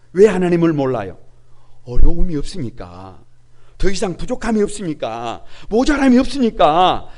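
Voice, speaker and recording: A male pastor delivering a passionate sermon in a high-pitched voice. His pitch leaps and falls with great animation as he piles up rhetorical questions. He moves between quiet, intimate lines and loud, forceful ones. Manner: impassioned, full of rhetorical questions, swings between hushed and loud.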